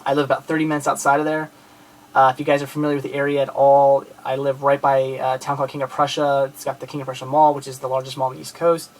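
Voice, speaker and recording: A late-twenties man from outside Philadelphia, Pennsylvania chats to camera about his movie collection, speaking quickly in a monotone, mid-range voice. He's friendly and grateful, rambling with many fillers and restarts.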